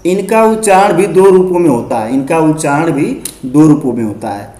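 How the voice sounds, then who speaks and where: A man's voice: a little high, expressive, normal speed, dark tone, roomy sound. A male schoolteacher giving a grammar lesson, patiently repeating words and checking in with the class. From Uttar Pradesh, India. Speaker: school teacher.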